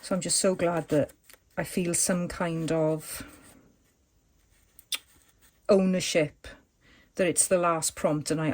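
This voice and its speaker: At her home craft desk, a woman with a deep, slightly mellow voice chats casually while working on a journal page. She rambles and thinks aloud, using lots of fillers.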